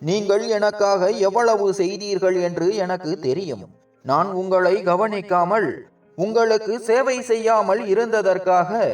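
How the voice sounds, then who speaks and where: A man's voice: sits high, distant mic. Man voicing a desperate grieving young nephew.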